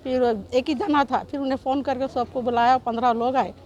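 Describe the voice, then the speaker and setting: A middle-aged woman pleads her account in a fairly high voice and goes over the same points again and again. She speaks urgently in an interview. Faint noise hums behind her. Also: steady tone, a little fast, a little mellow, highs cut off. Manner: urgent, pleading, repeats herself. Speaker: shopkeeper telling of an assault. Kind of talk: emotional news interview testimony.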